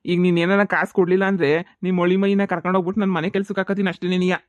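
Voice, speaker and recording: A man voicing a pushy, foul-mouthed moneylender in a cartoon comedy, shouting and threatening. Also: sits high, little pitch movement, very fast, dry recording, lightly acted. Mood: demanding.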